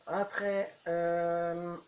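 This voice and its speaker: A man's voice: high-pitched, little pitch movement, drawn-out words, highs cut off, slight background noise. A man chatting casually while building in a game, rambling on as he goes. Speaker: YouTuber. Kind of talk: casual gameplay commentary.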